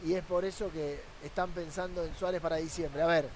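A man's voice: on the high side, steady tone, a little fast, crowd noise. A man with an Argentine accent, a sports journalist arguing his point on a football talk panel with rhetorical questions.

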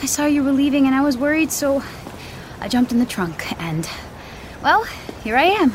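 Actress as bold young daughter, really high voice, earnest n stubborn, audio drama, slight noise. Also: female voice, big pitch swings, normal speed. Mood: bold, cheeky.

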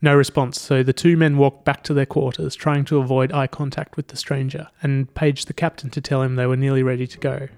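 Male narrator for a read-aloud story; steady, dry close recording. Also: medium pitch, brisk, vocal fry, few pauses, no echo. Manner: steady storytelling with quoted dialogue. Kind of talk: scripted narration.

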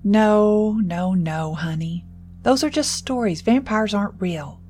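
A woman voicing a worried, protective farm mother in a spoken horror story, gently soothing her child. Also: medium pitch, slow, soft background music, close to an everyday voice. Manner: soothing, reassuring.

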